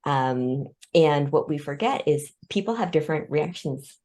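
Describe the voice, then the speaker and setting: A guest expert on respect, this woman was born in Vietnam and grew up in the United States. Her voice sits low and is a little mellow, animated yet a little slow. In this conversational interview she explains her thinking through studies and personal stories, with light laughter between points.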